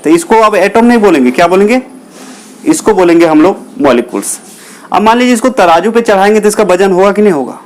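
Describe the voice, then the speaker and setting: A man's voice: high voice, darkish tone. A man teaching a chemistry class, who asks the class questions, answers them himself and repeats the key terms. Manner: calls listeners children. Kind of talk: classroom lecture.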